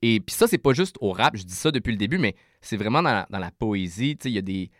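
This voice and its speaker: A man with a Québécois French accent, a rapper guest explaining rhyme in a casual interview, animated and full of restarts. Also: fairly low pitch, fast talker, no room sound, clean studio sound.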